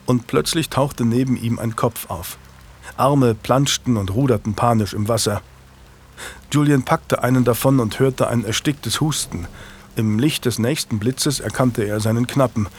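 A man reading a historical novel aloud as narrator, in a steady, measured storytelling manner. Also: medium pitch. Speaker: audiobook narrator.

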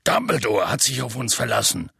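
A man voicing a huge, gruff half-giant gamekeeper in an audiobook, telling his story in a rough, folksy way. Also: big pitch swings, brisk, pushed and bright, no echo, clean studio sound, heavily acted. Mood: gruff storytelling. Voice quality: deep and gravelly. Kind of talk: audiobook character voice.

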